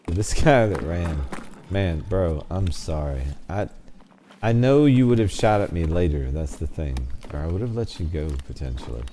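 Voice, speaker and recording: A man with an extremely low voice talks his way through a shooter game in relaxed commentary. He teases the opponents he runs into with playful banter. Clear background noise and game clicks sit under his voice throughout. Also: moderate pace. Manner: joking, teasing running banter with opponents. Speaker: game streamer. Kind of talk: casual gameplay commentary.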